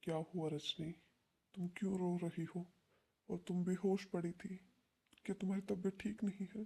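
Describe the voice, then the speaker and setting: A woman's voice: medium pitch, steady tone, normal speed, dark tone, close to an everyday voice. A woman playing a worried young husband who calls out urgently and then reproaches his mother. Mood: reproachful. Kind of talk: home-made short drama.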